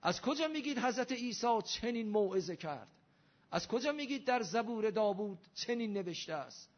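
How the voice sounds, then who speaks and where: A man's voice: high-pitched, lively intonation. A man giving a religious lecture, arguing with rhetorical questions and emphatic rising delivery. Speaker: Shia cleric lecturer. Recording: dull lo-fi recording.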